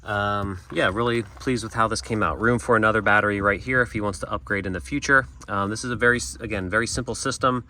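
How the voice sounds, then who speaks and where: A man casually walking through an installation job he did, talking in a relaxed way with frequent fillers. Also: on the low side, quick pace, hardly any pauses, slight background noise.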